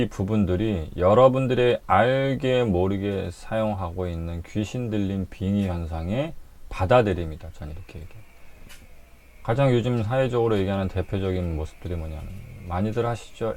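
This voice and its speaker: A man's voice: on the low side, a little mellow. A man giving a spoken lecture, telling the story with animation and acting out the scenes.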